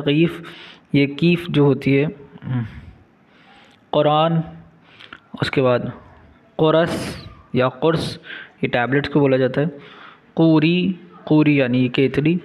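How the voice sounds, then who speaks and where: Man teaching vocabulary, dull lo-fi audio. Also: medium pitch. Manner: explains words slowly, pauses with fillers. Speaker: language teacher. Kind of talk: vocabulary lesson.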